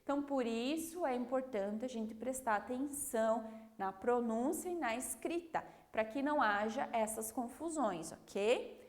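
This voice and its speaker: A Brazilian woman teaching a primary school class, explaining patiently and checking in with the children often. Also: a little high. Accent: Brazilian Portuguese. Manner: slow, patient, clear word-by-word explanation; checks understanding with frequent "ok?".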